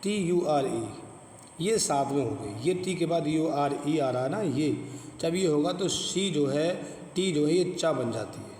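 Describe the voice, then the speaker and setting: In an echoey room with long reverb and faint ambient noise, a man with a Pakistani Urdu accent teaches an English pronunciation lesson explaining the rules. His voice is fairly high, expressive, a little slow and a little mellow, and he patiently repeats words and asks questions.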